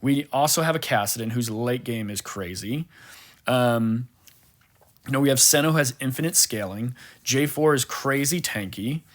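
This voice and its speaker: A man's voice: mid-range voice, moderate pace. A man commentating over a replay of his own gameplay as a coach, talking casually and animatedly, with lots of fillers and repeated words. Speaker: gaming coach.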